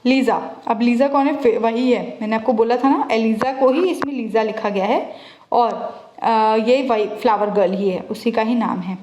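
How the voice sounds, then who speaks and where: A woman teacher explaining an English play in Hindi. She reads the English lines slowly. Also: on the high side, dark tone, reverberant.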